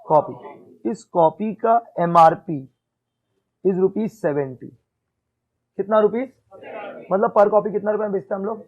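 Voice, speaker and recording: A man's voice: high-pitched, phone-quality sound. A male accounts teacher giving a classroom lecture in mixed Hindi and English, often checking "ठीक है?" and quizzing his students.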